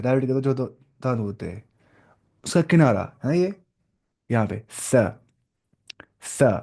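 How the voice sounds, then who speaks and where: A young man gives a relaxed classroom lesson on recitation. He explains step by step, asks his listeners questions and sounds out each letter to show how it should be said. His pitch sits in an ordinary middle range. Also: creaky. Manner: explains step by step with questions and demonstrations, mixing in English words. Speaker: Quran recitation teacher.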